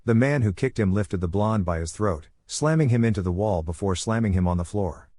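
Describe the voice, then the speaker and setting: Man, story narrator, lowish voice, dry close sound, steady reading. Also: a little fast, no echo.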